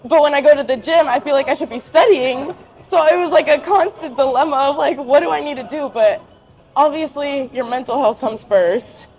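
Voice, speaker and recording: A young adult woman with a fairly high, darkish voice speaks at normal speed as a guest in a casual interview. She shares her thoughts in informal, youthful phrasing with frequent fillers, and the recording is rough.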